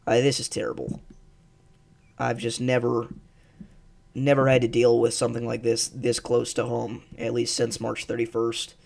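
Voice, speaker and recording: A man hosting live severe weather coverage, speaking with urgent, emphatic and repeated pleas in a halting, distressed delivery. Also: medium pitch, monotone, gravelly, a little mellow. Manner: urgent, emphatic, repetitive pleading warnings. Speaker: live storm coverage host.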